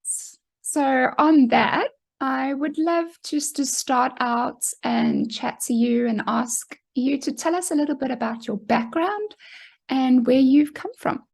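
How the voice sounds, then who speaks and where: A woman's voice: high-pitched, takes it slowly, gravelly, a little mellow. A woman hosting an interview podcast, talking in an encouraging, inviting way. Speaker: podcast host. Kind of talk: casual interview chat.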